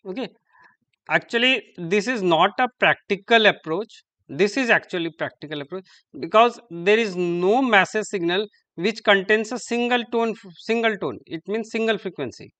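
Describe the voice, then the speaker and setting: A man giving a classroom lecture, halting and repeating terms as he writes on the board. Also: high-pitched, expressive, bright, forceful tone.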